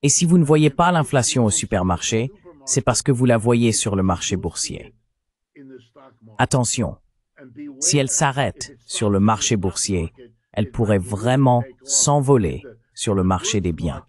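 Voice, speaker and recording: Here a synthetic male voice, fairly low and darkish with lively intonation, speaks a little slowly. It voices a translated panel discussion, reading political commentary in an explanatory, rhetorical manner.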